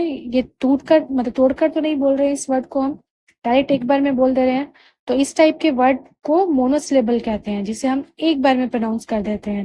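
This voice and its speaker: A woman gives a grammar lesson in a high, mellow voice. She patiently checks in with her listeners and stretches out key words slowly so they can be heard clearly. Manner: patient, repeats "ठीक है" and "है ना" to check understanding; drawls key words slowly to spell them out. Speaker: English grammar teacher. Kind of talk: explanatory lesson.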